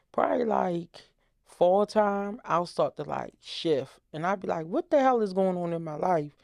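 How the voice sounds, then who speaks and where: A woman's voice: deep voice, gravelly, darkish tone, dry recording, clean studio sound. A woman in her thirties, a guest author, chatting in an upbeat way on a podcast. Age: 30s. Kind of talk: casual chat.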